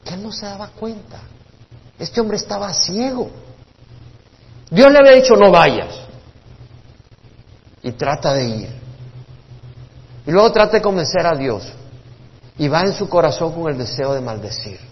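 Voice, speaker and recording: A man's voice: fairly high pitch, moderate pace, long pauses, big-room sound, highs cut off. A male pastor, preaching and retelling Bible stories emphatically. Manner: storytelling preacher, animated and emphatic. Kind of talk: sermon Bible teaching.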